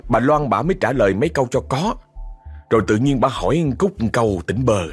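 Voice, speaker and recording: A man with a Southern Vietnamese accent tells a ghost story in a chatty way, often talking straight to his listeners. His voice is fairly low and slightly rough.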